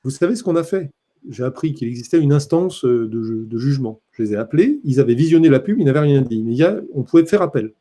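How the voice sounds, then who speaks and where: A man's voice: medium pitch, expressive, fast talker, warm tone. A man, a print journalist, giving a conference talk in an impassioned, emphatic way.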